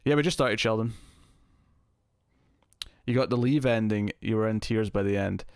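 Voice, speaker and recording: A man hosting a casual live stream, chatting to viewers and thinking aloud, his voice heavily compressed to an even level on a close mic. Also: fairly low pitch, normal speed, smooth, no echo.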